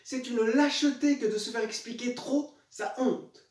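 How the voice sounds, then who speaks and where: A man's voice: very high voice, steady tone, unhurried. A man playing a proud, betrayed noblewoman in classical theatre, declaiming with hammy, vengeful indignation. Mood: indignant, vengeful. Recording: echoey room, far from mic.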